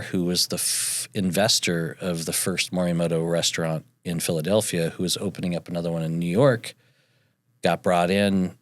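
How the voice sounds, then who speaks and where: A man's voice: low voice, no echo. A man in his forties, a chef, recounting his career in a casual interview, rambling and full of fillers. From North Dakota. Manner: rambling, with frequent fillers and restarts. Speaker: chef and entrepreneur, podcast guest.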